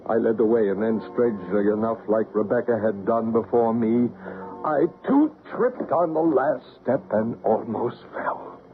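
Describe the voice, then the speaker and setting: Here the séance leader is voiced in a mid-range, unhurried way and only lightly acted, still earnest, solemn, intent and probing as this old-time radio drama mixes acting with narration. Faint music plays behind him on the narrow, noisy old recording.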